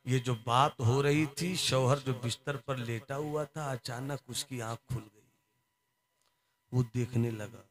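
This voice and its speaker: A man's voice: medium pitch, measured pace. A male preacher giving a sermon, telling a story with dramatic, rhythmic repetition and sung verse.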